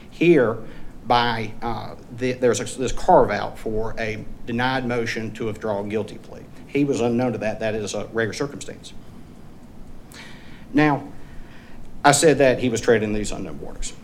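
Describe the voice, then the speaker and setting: A man arguing as a lawyer in court, speaking in a formal, measured and deferential way. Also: fairly low pitch. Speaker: defense appellate lawyer. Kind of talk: formal oral argument. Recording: clearly noisy courtroom recording.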